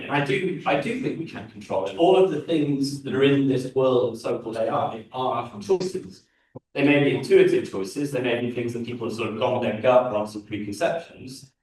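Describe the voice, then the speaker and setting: A man's voice: mid-range voice, a little mellow. A man with a London accent giving a conference talk as a design researcher, earnest and thinking aloud with fillers and restarts. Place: large lecture hall. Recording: very echoey hall from far off.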